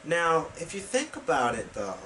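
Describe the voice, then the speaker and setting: A man's voice: on the high side, wildly swooping pitch, normal speed, sharp tone, a little hiss or hum, low-quality recording. A young man hosting his own weekend vlog, talking casually to a webcam in his bedroom with lots of fillers and restarts. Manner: rambling with many fillers and restarts; gestures with hands while talking. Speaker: vlog host. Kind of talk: casual vlog talk to camera. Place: small bedroom with computer desk, indoors.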